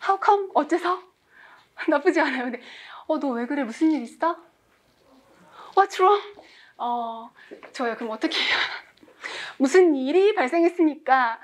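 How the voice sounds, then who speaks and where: A woman's voice: high-pitched, lively intonation, measured pace, long pauses. A woman in her forties teaching English vocabulary in class, quizzing students and making small jokes. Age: 40s. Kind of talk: classroom lecture.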